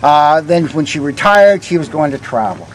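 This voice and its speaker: Older man, slightly high pitch, tour storytelling, conversational pauses, soft trailing phrase ends, outdoor recording, faint traffic noise. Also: animated, poor audio. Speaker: ghost walk guide, former vice principal. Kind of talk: live storytelling to a walking tour group. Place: outdoors on a town street.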